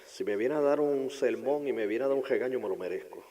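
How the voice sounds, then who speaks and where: Man preaching, hushed to impassioned. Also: mid-range voice, animated, brisk, poor audio. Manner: swings from hushed, whispered asides to loud, impassioned preaching. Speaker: pastor. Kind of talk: sermon.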